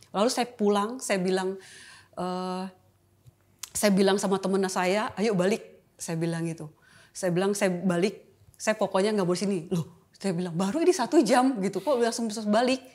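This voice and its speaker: A middle-aged woman with a slightly mellow, mid-range voice shares a personal testimony as a guest in a casual interview. She talks candidly and emotionally in a loose, colloquial way, with frequent filler tags.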